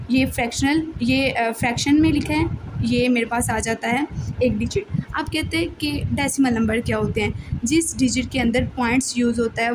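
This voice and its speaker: A woman's voice: a little high, background noise. A woman math teacher patiently explaining a lesson to children, repeating each step and mixing in English terms.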